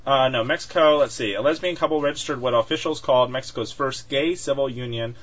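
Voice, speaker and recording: A man's voice: medium pitch, fast, a bit bright. Chatty male podcast host, lo-fi sound. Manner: chatty, many fillers and restarts, laughs often. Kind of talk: casual chat. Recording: dull lo-fi sound.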